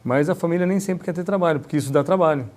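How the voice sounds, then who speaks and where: A man talking in a relaxed conversation, animated and acting out dialogue, often ending points with tag questions. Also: on the high side, fast talker. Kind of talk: casual conversation.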